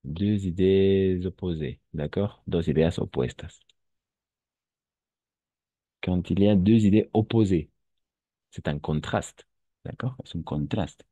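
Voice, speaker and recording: Deep, slow-speaking male French teacher. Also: dark tone, slightly rough, no echo. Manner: patient, repeats and checks understanding. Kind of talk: online French lesson for Spanish speakers.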